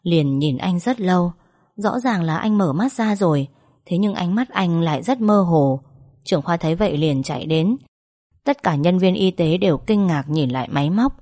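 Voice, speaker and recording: A woman narrating an emotional first-person story in a soft, feeling way. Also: fairly low pitch, lively intonation, normal speed. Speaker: audiobook narrator.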